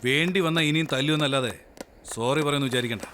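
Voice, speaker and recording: A man's voice: medium pitch, fast talker, over music, lightly acted. An actor voicing a tough, blunt young hero in a dubbed film, making threats and defying her. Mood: defiant.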